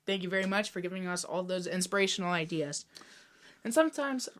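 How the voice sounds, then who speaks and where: A woman co-hosting a casual podcast, chatty and enthusiastic, quick to tease her co-host. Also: fairly low pitch, lively intonation, fairly bright tone.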